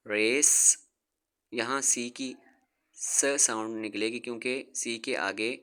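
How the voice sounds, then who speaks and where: Slow, deliberate man teaching phonics. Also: fairly low pitch, sharp tone. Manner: slow, deliberate, stressing each word. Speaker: English teacher. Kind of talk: phonics lesson, reading words aloud.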